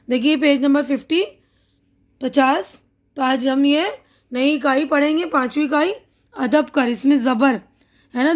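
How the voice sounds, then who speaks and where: Patient high-voiced woman teacher. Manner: explains slowly, reads syllables aloud and repeats them. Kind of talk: slow, patient reading lesson for young children.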